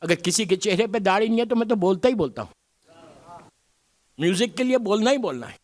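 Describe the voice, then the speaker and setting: Middle-aged man, cleric, very high voice, dry close sound, emphatic majlis sermon, rhetorical questions. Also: lively intonation, no room sound.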